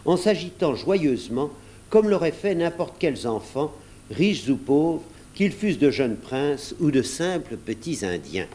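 A man narrating a children's storybook aloud in an expressive, varied storytelling manner. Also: on the high side. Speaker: audiobook narrator. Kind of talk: storybook read aloud from cassette.

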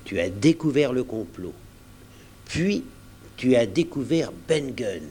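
A man's voice: medium pitch, lively intonation, takes it slowly, warm tone, a little hiss or hum. Man playing an earnest, resolute doctor. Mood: urgent, grave. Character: earnest middle-aged male doctor, resolute.

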